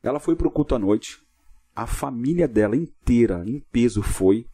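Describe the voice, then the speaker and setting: A man, a pastor guest on a podcast, telling a long story in a casual interview, lively and acting out what people said. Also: mid-range voice, husky. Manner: fast, vivid storyteller acting out dialogue.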